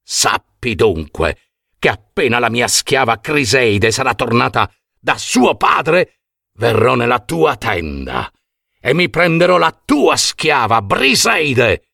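A man voicing a furious, greedy ancient king who shouts his demands indignantly, in a storybook reading. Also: medium pitch, sing-song, slow, vocal fry, no room sound, clean studio sound, heavily acted. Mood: angry.

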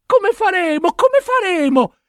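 A man voicing starving baby ravens in a storybook reading, shrill and wailing. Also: sing-song, a little slow, fairly bright tone, no room sound, studio quality, exaggerated voice. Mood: desperate.

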